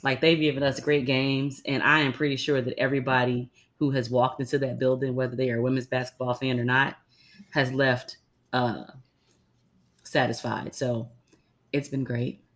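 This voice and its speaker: Speaking at a moderate pace, a young podcast host keeps her medical show casual and relaxed, leaning on slang and fillers. Her pitch is extremely low, with an early-morning rasp.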